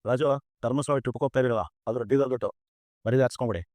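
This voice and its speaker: An actor playing a stingy business owner who teases and dodges requests for money in a TV serial. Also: male voice, medium pitch, very fast, darkish tone, no room sound, lightly acted. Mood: evasive. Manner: teasing, evasive. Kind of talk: TV serial acting.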